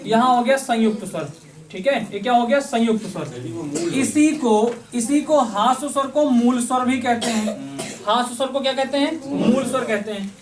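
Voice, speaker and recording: A man's voice: extremely high pitch, moderate pace, a crowd in the background. A man teaching an online exam-prep class. He asks questions and answers them himself, repeating the key points. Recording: voice somewhat distant from the mic.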